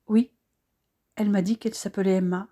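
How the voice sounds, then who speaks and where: Lady reading young soldier guy just woke up, lovestruck, soft earnest voice, warm. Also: mid-range voice, steady tone, fairly quick, lightly acted. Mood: tender.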